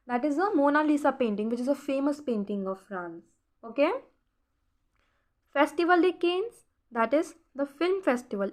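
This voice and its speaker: Woman teacher, a little high-pitched, patient quizzing delivery with slow repeats. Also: fairly bright tone. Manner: repeats key words slowly for learners, quizzing tone. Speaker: French teacher. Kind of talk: recorded classroom lesson voice-over.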